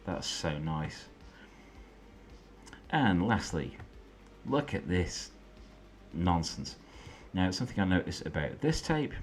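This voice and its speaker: A man hosting a late-night stream, chatting casually and amused as he browses, sometimes dropping quiet and offhand. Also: sits low, slight background noise. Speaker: host. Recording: faint background music. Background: faint background music.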